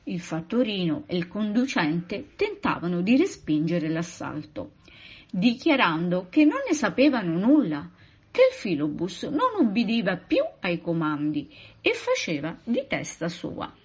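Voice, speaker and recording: A woman teacher reading a children's story aloud with expressive, animated delivery. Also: on the low side, unhurried, slightly rough. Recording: muffled lo-fi recording.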